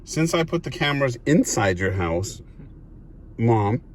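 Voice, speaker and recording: A man in casual family conversation, teasing and playful as he retells stories and asks pointed questions. His pitch is middling, and there is faint background noise. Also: sing-song, a little slow. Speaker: vlog host talking with older relatives. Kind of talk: casual chat, teasing storytelling.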